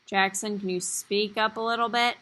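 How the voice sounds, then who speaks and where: This young primary teacher keeps a steady, moderate pace and a sharp, medium-pitched tone during a live video-call class for little children. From a small indoor room on a computer mic, she encourages them in a simple kids-show style, singing out the counting.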